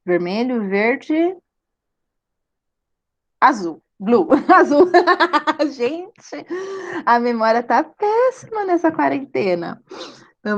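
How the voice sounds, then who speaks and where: A woman's voice: medium pitch, highs cut off. A woman teaching a live online drawing class, chatty and playful, laughing at her own slips. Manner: chatty, laughing, self-deprecating asides.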